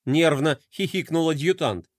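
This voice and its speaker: A man narrating a children's storybook in an expressive, animated way. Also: on the high side, normal speed, no room sound, studio quality.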